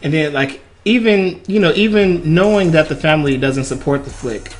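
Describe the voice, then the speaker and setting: A man co-hosting a radio talk show, talking in an animated, halting way with lots of "you know" and restarts. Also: fairly high pitch. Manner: animated, halting, repeats himself, says "you know" a lot. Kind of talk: casual opinion chat.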